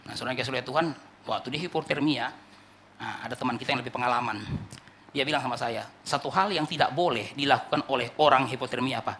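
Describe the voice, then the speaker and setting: A male pastor preaching a sermon emphatically, rising to loud climaxes and dropping to low asides. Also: slight background noise. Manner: repeats "saudara yang dikasihi oleh Tuhan" as a refrain.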